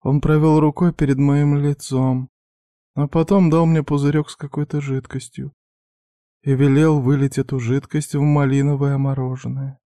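A man voicing a frightened young waitress who answers quietly and timidly. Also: medium pitch, flat delivery, normal speed, no echo, studio quality, voice pushed up, natural voice. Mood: timid hushed. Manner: quiet, barely audible. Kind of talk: audiobook character voice.

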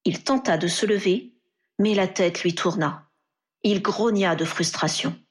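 A woman reading a fan fiction story aloud in a steady narrating voice. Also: medium pitch, measured pace. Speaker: reader.

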